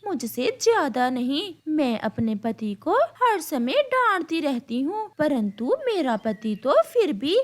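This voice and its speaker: Cartoon: woman as boastful, domineering female kite, high voice. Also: sing-song, exaggerated voice. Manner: boastful, brisk. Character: bossy female kite who scolds her husband. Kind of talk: cartoon storybook voice acting.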